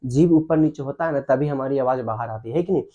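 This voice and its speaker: A man's voice: medium pitch, quick pace, mellow, muffled recording. A man teaching grammar as a lesson. He asks questions and answers them himself, and he repeats key terms to drill them. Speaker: Hindi teacher.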